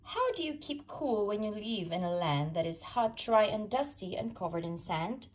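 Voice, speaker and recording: With a mid-range voice, a woman storyteller reads a rhyming picture book to young children, her phrasing expressive, deliberate and sing-song.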